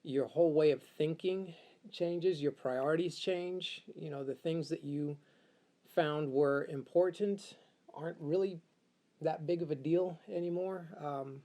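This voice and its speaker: A middle-aged Ugandan man, appearing as an interview guest, talks casually and reflectively about personal matters, repeating phrases for emphasis. His voice is on the high side and warm, and he speaks unhurriedly.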